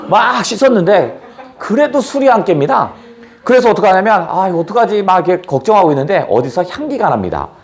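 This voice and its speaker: A man's voice: sits high, fairly quick. A male teacher retelling a classic tale in class, quizzing his students as he goes. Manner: animated, quizzes students with questions. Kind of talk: storytelling lesson.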